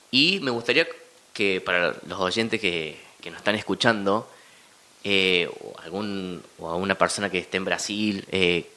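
A man's voice: low-pitched, bright, forceful tone. A man interviewing his guest for listeners, chatty and agreeable, often answering with "claro". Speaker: radio interviewer. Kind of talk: casual interview chat.

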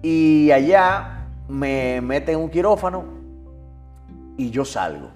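Animated man telling stories. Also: a little high, slow pace, soft background music. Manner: lively, acts out voices in his anecdotes. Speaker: guest, TV producer. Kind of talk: animated storytelling in conversation.

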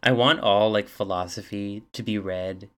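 A man's voice: on the low side, steady tone, moderate pace, fairly bright tone. A man co-hosting a podcast, reading off facts in casual chat with hesitant ums and uhs. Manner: reads album facts from notes, hesitant fillers. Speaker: podcast co-host.

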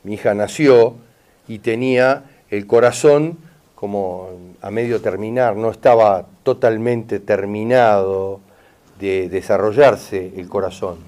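This therapist, a middle-aged man from the River Plate region, speaks slowly in a somewhat low, slightly mellow voice. Consulting with an audience member, he is insistent about being understood, repeatedly asking "¿está bien?" and saying "mirá".

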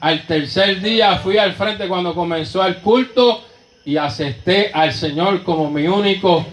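A fervent male preacher with a Puerto Rican Spanish accent tells his story from the pulpit, breaking into praise every few breaths. His voice sits high for a man. The sound rings around an echoey church room. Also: measured pace. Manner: fervent, with constant interjections of praise. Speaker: pastor. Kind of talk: sermon testimony.

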